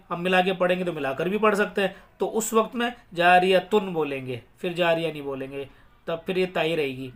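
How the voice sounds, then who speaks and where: High-voiced man teaching Quran reading. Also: a bit bright. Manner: explains patiently, then spells out words slowly syllable by syllable. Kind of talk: recorded lesson on Quran recitation rules.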